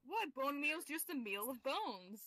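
A woman chatting with friends while gaming, making teasing deadpan jokes. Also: sits high, measured pace. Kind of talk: casual chat while gaming.

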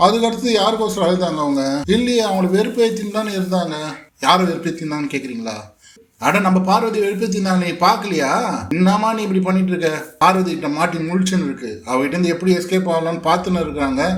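A man with a notably high voice talks back to a video clip in casual commentary. His replies are sarcastic and mocking. The sound is roomy and echoey. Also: fast talker. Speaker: reality show commentator.

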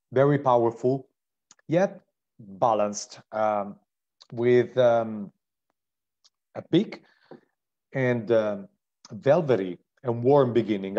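An Italian-accented man hosts an online wine tasting and describes each wine eagerly, with plenty of fillers and restarts. His voice sits at a middle pitch. The stream audio sounds dull and lo-fi. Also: darkish tone. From Italy.

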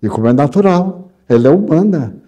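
An older Brazilian man tells stories in a lecture, his voice a touch higher than most men's yet soft and mellow. He brings anecdotes to life with lively shifts of voice. His delivery is warm and expressive. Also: fairly quick. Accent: Brazilian Portuguese. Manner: animated, acts out dialogue with lively voice shifts. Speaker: spiritist lecturer. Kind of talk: storytelling lecture.

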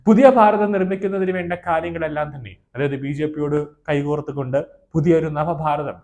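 A man's voice: on the high side, fairly even intonation, a little fast, a little mellow, highs cut off. A man presenting a news report in a formal tone, reading out long lists of names and titles.

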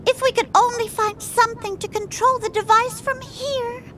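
A woman voicing a sweet, earnest mouse princess with a squeaky, genteel way of speaking in a game cutscene. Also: steady tone, moderate pace, a bit bright. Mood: worried, grateful. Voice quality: squeaky, high. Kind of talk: scripted video game cutscene acting.

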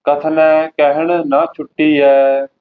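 A man recites scripture in a very slow, flat chant, one line at a time. His voice has a middle pitch. The sound is tinny, like a phone line. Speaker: student reciter.

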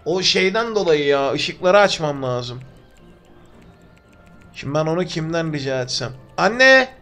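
Streaming gameplay from his room, a young man from Turkey talks a little slowly in a high voice, bantering with chat and joking to himself. His desk mic also picks up faint, quiet music beneath his commentary.

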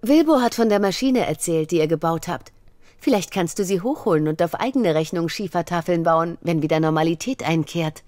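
A woman's voice: fairly low pitch, expressive, brisk, a little mellow, no echo, natural voice. A woman voicing a kind, polite, earnest young elf princess in a video game. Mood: encouraging. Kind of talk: video game character dialogue.

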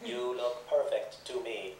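Man doing a gentle talking toy, slow, earnest, mid-pitched, very echoey, far away. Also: a little hiss or hum, lightly acted. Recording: very echoey, distant stage sound.

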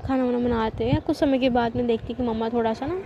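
A woman's voice: fairly high pitch, steady tone, fast talker, slight background noise. A woman telling a story in a casual, chatty way with sympathetic asides, in a dull lo-fi recording.

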